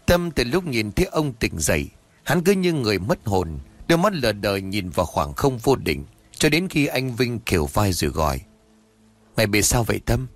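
A man narrating a Vietnamese horror story in a steady, expressive storytelling voice. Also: on the low side, moderate pace. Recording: faint background music.

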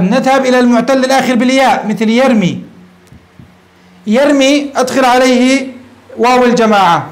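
A man's very high voice comes through poor audio as he, a sheikh, gives a grammar lecture at a whiteboard, breaking it down step by step and putting questions to the class.

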